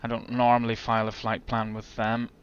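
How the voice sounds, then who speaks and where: A man's voice: mid-range voice, completely flat delivery, a little fast, clear, resonant tone, highs cut off. A man giving casual, chatty commentary as he sets up a flight in a simulator, thinking aloud as he goes. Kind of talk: casual commentary while gaming.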